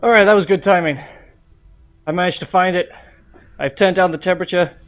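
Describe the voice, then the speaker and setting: A man's voice: high voice, brisk, lo-fi sound. A young man commentating a video game match live from his room, slightly out of breath, rambling with fillers and restarts. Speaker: shoutcaster and streamer.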